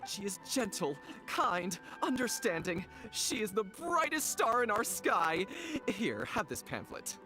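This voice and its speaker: A woman's voice: mid-range voice, sing-song, measured pace, sharp tone, faint music behind, rough recording. A woman voicing a zealous adult fan-club leader in a video game, who speaks in a preachy, rousing manner. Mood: coaxing.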